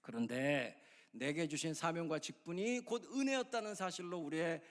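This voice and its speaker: A man preaching a sermon as pastor, speaking conversationally to his congregation and acting out people's inner voices with sudden loud outbursts. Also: fairly high pitch, normal speed. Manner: acts out inner voices with dramatic shifts in loudness; conversational, direct address to congregation.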